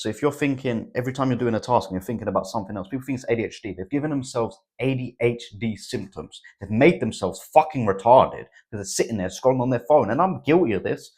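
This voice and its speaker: A young man, giving a blunt motivational monologue full of swearing and "bro". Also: medium pitch. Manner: blunt, swears a lot, says "bro" and "right?". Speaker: self-improvement vlogger.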